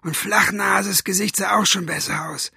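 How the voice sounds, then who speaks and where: A man voicing a sneering male henchman with a rough, raspy voice. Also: high-pitched, steady tone, moderate pace, pushed and bright, no room sound, studio quality, voice pushed up, exaggerated voice. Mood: mocking. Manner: mocking, taunting.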